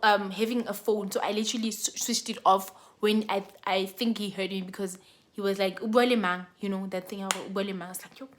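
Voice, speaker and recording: A young woman with a South African accent, telling her own story to her viewers in a casual, dramatic way, jumping between loud bursts and hushed asides. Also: mid-range voice, little pitch movement, fast. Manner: talks straight to her viewers, often calling them "guys".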